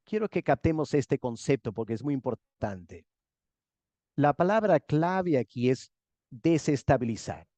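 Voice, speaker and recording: A pastor giving a structured theology lecture, a man who talks in measured steps, repeats key words and checks in with his listeners. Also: medium pitch, lively intonation, mellow, no room sound. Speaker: pastor lecturing a master class.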